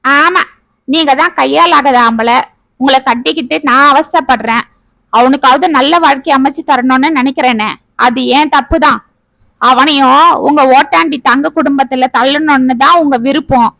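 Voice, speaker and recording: A woman voicing a money-minded, domineering mother in a family storybook tale, sharp-tongued and scornful. Her voice is high and heard close and dry. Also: fairly even intonation, normal speed, gravelly, no echo, exaggerated voice, rough recording. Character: greedy, domineering middle-aged village mother.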